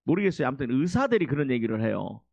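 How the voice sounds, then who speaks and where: A man's voice: mid-range voice, sing-song, fast talker, vocal fry, a little mellow, dry recording, dull audio. A male pastor preaching a sermon with call-and-response, exhorting his congregation and prompting them to repeat after him and answer.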